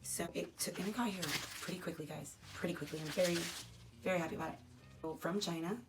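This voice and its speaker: A woman's voice: on the low side, steady tone, quick pace, over loud music. A woman with a crackly, dry voice, chatting casually and rambling as she unboxes products for her vlog. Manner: chatty, rambling, self-deprecating. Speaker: unboxing vlogger. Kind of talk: casual unboxing chat to camera.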